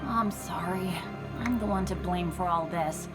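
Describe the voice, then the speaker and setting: A woman's voice: lowish voice, measured pace, lightly acted. A woman voicing an earnest, apologetic but upbeat teenage boy adventurer in a video game. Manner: boyish, earnest. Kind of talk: animated video game voice acting. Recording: music underneath.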